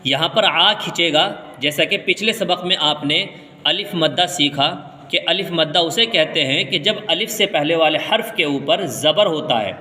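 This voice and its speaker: A man from India teaching a step-by-step reading lesson, slowly drilling syllables one by one and then explaining them in plain words. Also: on the high side, pushed and bright. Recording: echoey room with long reverb.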